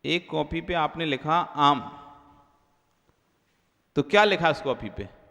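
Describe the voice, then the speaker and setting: A high, bright male voice delivers a sermon at an unhurried pace, chanting scripture lines and then questioning the audience. He drops into a lower voice to mimic everyday remarks. The sound carries a long hall reverb. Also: expressive. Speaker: Jain monk preacher.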